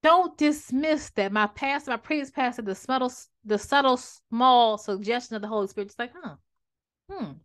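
A woman who is a podcast host and author delivers a faith-based motivational talk in a slightly high voice. She speaks fast and with animation, frequently repeating and restarting phrases.

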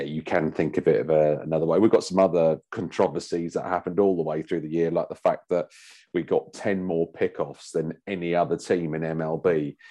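Deep, dark-voiced hesitant man. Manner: hesitant, many fillers and restarts. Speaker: podcast co-host. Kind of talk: casual chat.

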